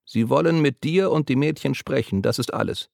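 A shrill, teasing little old woman, as a male narrator puts her on, her voice pushed up high and cackling, with a gravelly edge underneath. It is recorded close and dry. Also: moderate pace, a little mellow, dry recording.

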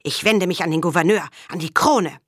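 A woman's voice: on the low side, normal speed, husky, dry recording, clean studio sound. A woman reading the part of a mocking, greedy male farmer in a storybook. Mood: indignant. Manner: mocking, indignant.

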